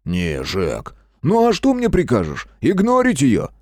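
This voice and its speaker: Man doing a brash loud young guy, booming bass, boisterous, lively swings, low voice. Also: moderate pace, no room sound, studio quality.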